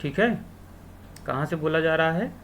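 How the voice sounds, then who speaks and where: A man's voice: on the high side, animated, a bit bright, slight background noise. A man teaching an exam-prep lesson, asking questions aloud and answering them himself, sometimes drawing out sounds. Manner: asks questions then answers them himself, drawn-out syllables.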